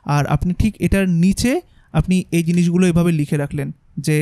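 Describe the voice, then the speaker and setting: A high-pitched man, teaching a screen-recorded software lesson one step at a time. His voice is mellow and dry, recorded close to the mic. He keeps checking that the listener is following along. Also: fairly even intonation, a little fast, no room sound. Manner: patient, explaining step by step with frequent check-ins. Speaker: tutorial instructor.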